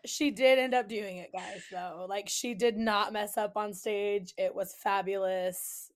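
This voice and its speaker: A woman's voice: mid-range voice, fairly even intonation, measured pace. Enthusiastic young woman podcast host. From California. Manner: enthusiastic, agreeable, warm-hearted gushing. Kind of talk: casual podcast chat.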